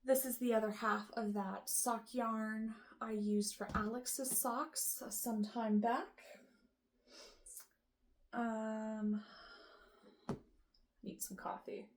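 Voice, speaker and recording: A woman hosting a knitting show, sorting yarn and thinking aloud in a casual, unsure way, with a rough morning voice. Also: a little high, fairly even intonation, slow, a little hiss or hum. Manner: musing aloud, unsure, lots of ums and trailing off. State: rough morning voice with the odd cough. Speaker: knitting podcast host.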